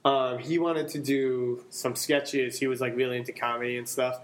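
A man's voice: medium pitch, level tone, normal speed, poor audio. Guy from long island rambling on a podcast, lots of uhs and likes. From Long Island, New York. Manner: rambling, self-correcting, many fillers. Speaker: guest. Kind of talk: casual podcast chat.

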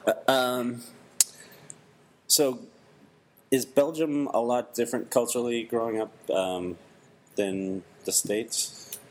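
A man's voice: medium pitch, fairly even intonation. Male podcast host, casual, hesitant questions. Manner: halting, many ums and laughs. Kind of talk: casual interview.

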